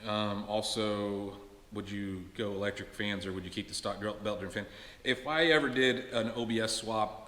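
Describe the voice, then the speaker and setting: A man with a fairly low voice speaks casually to his viewers in a roomy, reverberant garage. He hosts in a loose, conversational style, often stopping and restarting his sentences as he answers questions. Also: fairly bright tone. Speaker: host of a truck-building video channel. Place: cold garage shop, indoors.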